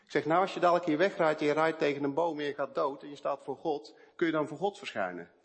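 A man preaching a sermon with personal testimony, swinging between hushed storytelling and emphatic outbursts. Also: fairly high pitch, fast talker, gravelly.

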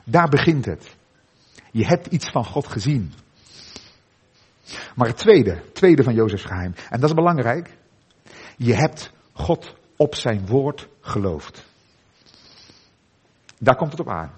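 A middle-aged man preaching a sermon in a church, earnest, with dramatic pauses and endings that drop soft. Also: mid-range voice, very animated, husky.

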